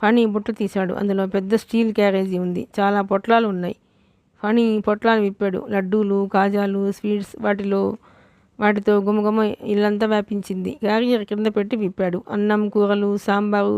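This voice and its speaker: A woman's voice: medium pitch, normal speed, no room sound. A woman reading a novel aloud as an audiobook narrator, telling the story steadily and voicing every part. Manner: steady storytelling, reads all parts.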